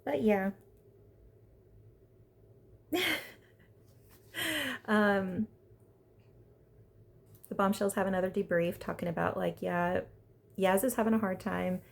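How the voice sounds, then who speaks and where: A woman talks through a reality dating show episode in a loose, opinionated recap. She speaks at a middle pitch with a noticeable gravelly fry, and she strings her thoughts together with lots of casual "like"s. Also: slow, long pauses. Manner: chatty, opinionated, lots of "like" fillers. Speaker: reality TV reviewer.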